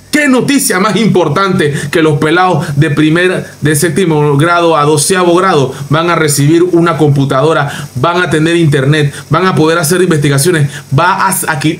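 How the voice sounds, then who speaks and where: Ranting Panamanian man, higher voice. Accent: Panamanian Spanish. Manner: emphatic, repetitive, mocking. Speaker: youtuber. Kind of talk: ranting reaction commentary.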